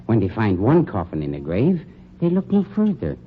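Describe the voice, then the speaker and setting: With a lowish voice, huge pitch swings and a moderate pace, an actor voices a polished, scheming funeral director who looks down on his night man. The style is 1940s radio drama and the mood menacing, his delivery smooth, condescending and sneering. It's a dull, noisy old radio recording.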